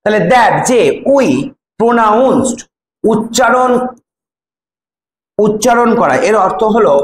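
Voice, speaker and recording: High, lively teacher. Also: male voice, reverberant, poor audio. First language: Bengali. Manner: repeats words, asks and answers his own questions. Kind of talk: line-by-line textbook explanation.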